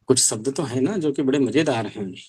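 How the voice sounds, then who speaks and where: A man's voice: mid-range voice, fairly quick, a little mellow, slightly rough, dry recording. A male Sanskrit teacher giving an online language class, explaining step by step and asking rhetorical questions.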